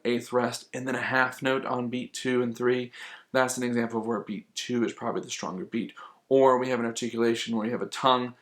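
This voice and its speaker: A man's voice: mid-range voice, fairly bright tone. A man teaching flute, explaining musical phrasing patiently and repeating key points for emphasis. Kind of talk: instructional explanation.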